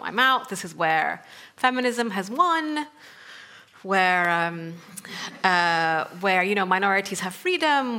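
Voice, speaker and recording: A woman's voice: fairly low pitch, gravelly, pushed and bright. A woman from Sudan, an author speaking as a guest, talking thoughtfully with frequent fillers. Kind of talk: conversational talk.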